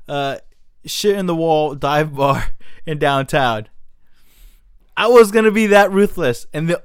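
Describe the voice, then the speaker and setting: A man's voice: high voice, clean tone, no echo, clean studio sound. A man hosting a podcast, telling a story in a casual, profane, exasperated and self-mocking way. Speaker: podcast host.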